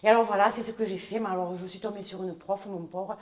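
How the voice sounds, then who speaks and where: A woman's voice: medium pitch, steady tone, fast, lightly acted. A woman playing a chattering southern French mother. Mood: confiding. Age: middle-aged. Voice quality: talkative, rambling, indignant asides. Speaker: comic stage character. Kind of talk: live comedy sketch. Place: large echoey hall. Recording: roomy live hall sound.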